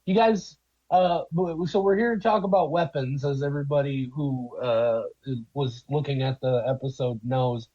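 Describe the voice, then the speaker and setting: A man's voice: mid-range voice, normal speed, dark tone, husky. A man hosting a casual group chat podcast, joking around, his voice muffled as if heard over an old telephone. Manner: joking, playful. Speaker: podcast host. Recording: muffled tin-can phone-like audio.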